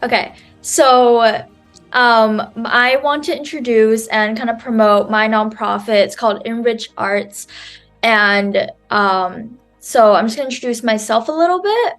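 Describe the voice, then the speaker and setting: A woman's voice: on the high side, unhurried, a bit bright, faint music behind. A woman student raised in New York presenting her nonprofit at an online conference over a video call, talking in a chatty way full of "um" and "like". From New York City, USA.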